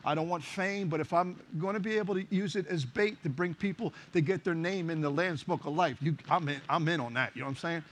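A man with a high voice preaches a sermon, animated and conversational, slipping into the voices of the people in his stories. He sounds middle-aged. A faint hiss sits underneath. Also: fairly quick, hardly any pauses. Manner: animated, acts out dialogue in stories. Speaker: pastor. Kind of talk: sermon with storytelling.

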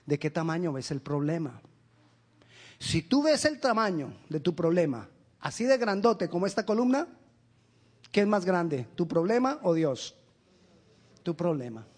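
A man from Colombia preaching a sermon as a pastor, emphatic and direct, with rhetorical questions and lively stories. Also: a little high, slightly rough. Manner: animated storytelling with quick asides.

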